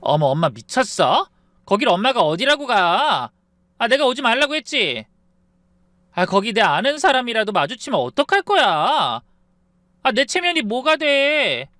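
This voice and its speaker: Brief: a man doing a shrieking, scornful grown daughter, pitched very high and loud, odd strained timbre. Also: sing-song, unhurried, no echo, clean studio sound, heavily acted. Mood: scornful yelling. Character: shrill furious grown daughter, woman.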